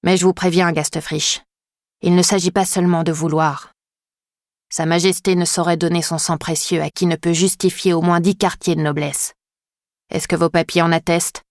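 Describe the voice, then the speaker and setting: A woman's voice: fairly low pitch, little pitch movement, moderate pace, no echo, clean studio sound, lightly acted. A woman voicing a stern, arrogant male riding master in an audiobook, speaking in curt, commanding tones. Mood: haughty.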